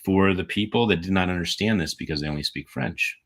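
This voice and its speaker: An American man co-hosts a casual talk-show chat, rambling, joking, and correcting himself as he goes. His voice is low and a bit bright, and he speaks a little fast.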